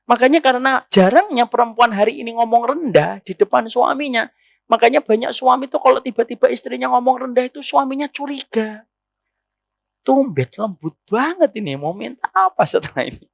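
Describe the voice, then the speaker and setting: A man's voice: very high-pitched, vocal fry, dry recording. A man preaching a sermon to a women's study circle, addressing the listeners as ma'am and asking them rhetorical questions.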